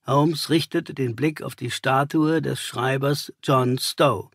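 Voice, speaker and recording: Slow, husky male audiobook narrator. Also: mid-range voice, fairly even intonation, fairly bright tone, no room sound, clean studio sound. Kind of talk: scripted first-person narration.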